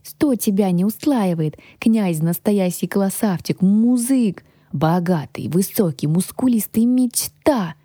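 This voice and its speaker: A woman reading an audiobook, voicing a bossy, grumpy male dragon guardian who speaks slowly. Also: medium pitch, lively intonation, dark tone, dry recording, clean studio sound, voice pushed up. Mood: dreamy.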